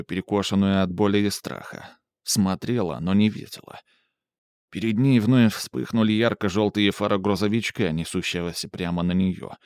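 A man narrating a novel in even, measured audiobook style. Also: lowish voice, clear, resonant tone, dry recording, studio quality.

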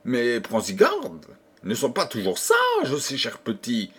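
A man reading a storybook aloud, voicing a gentle, kindly female fairy queen who speaks softly and tenderly. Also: mid-range voice, huge pitch swings, a little slow, breathy edge, full character voice. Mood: tender, coaxing. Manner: soft, tender, coaxing.

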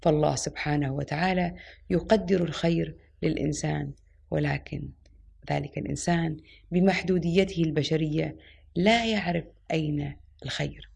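A woman reading the lines of a wise, calm elderly woman in an audio story, speaking firmly like a preacher. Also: low voice, moderate pace, creaky, husky, heavily acted. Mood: preaching. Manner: firm, preaching tone.

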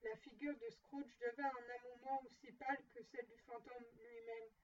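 A woman reads a classic tale aloud in a steady, measured way. Her voice sits high. The recording is dull and picked up from a distance. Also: a little hiss or hum. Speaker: narrator. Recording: muffled and distant.

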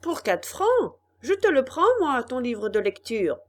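A woman voicing a loud male rag-and-bone man who shouts his offer. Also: a little high, very animated, unhurried. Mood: eager.

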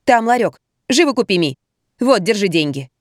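A woman voicing a loud, shrill, jealous young mother in an audiobook, who scolds and squeals. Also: very animated, moderate pace, no room sound, clean studio sound, lightly acted.

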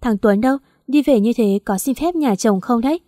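A woman's voice: on the high side, fairly quick, dark tone, no room sound, studio quality, lightly acted. A woman voicing an anxious old village mother. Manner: anxious, scolding, pleading. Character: worried rural mother, older woman.

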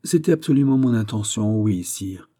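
A man reading an audiobook, voicing a grave, loyal musketeer captain who answers calmly and firmly. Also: on the low side, normal speed. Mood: defiant. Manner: calm, firm, quietly defiant.

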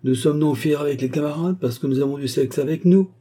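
A man's voice: mid-range voice, normal speed, warm tone, breathy edge, close to an everyday voice. A man voicing an insolent thug of a locksmith, taunting and sneering.

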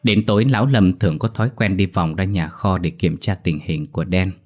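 A man narrating a horror story in a steady, grave manner. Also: low voice, a little fast.

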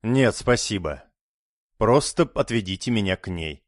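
A harsh, fanatical religious mother, as a male narrator puts her on in an audiobook. She scolds and lashes out, her pitch rising and falling widely. The recording is close and dry. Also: animated, a little slow, no echo. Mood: contemptuous. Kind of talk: audiobook character voice.

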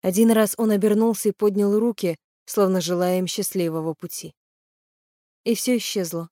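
A woman reading a fantasy novel aloud in steady, even storytelling narration. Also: medium pitch, normal speed, dry recording, clean studio sound. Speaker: audiobook reader.

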